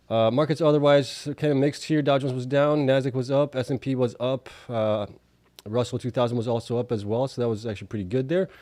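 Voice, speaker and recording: In a dry recording, a man with a lowish, dark-toned voice runs through a casual stock market recap for his video show. He reads the numbers informally, adds offhand remarks, and is slightly bothered by allergies, coughing and sniffling along the way.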